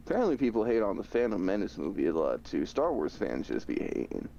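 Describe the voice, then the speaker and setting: A man's voice: fairly low pitch, wildly swooping pitch, quick pace, gravelly, dark tone, highs cut off, slight background noise. A young man streaming a game, chatting casually in laid-back slang and laughing often. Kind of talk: casual chat while gaming.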